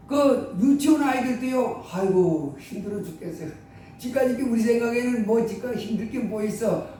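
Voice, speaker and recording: Very high-voiced man preaching in an echoey hall. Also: warm tone. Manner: conversational preaching with rhetorical questions, acting out quoted voices. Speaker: pastor. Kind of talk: sermon. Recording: very echoey hall, distant mic, faint rumble.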